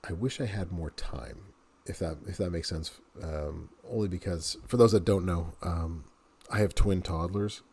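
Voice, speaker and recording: A man's voice: sits low, normal speed, hardly any pauses, a little mellow, slightly rough. A man in his thirties, a game streamer, chatting casually to viewers and laughing often as he plays. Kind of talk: casual gameplay commentary.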